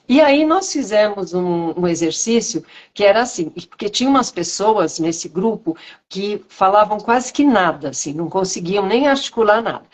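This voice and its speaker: A woman guest, a speech therapist, chatting on a video call and telling stories with animated, shifting intonation. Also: mid-range voice. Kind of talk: casual video-call conversation.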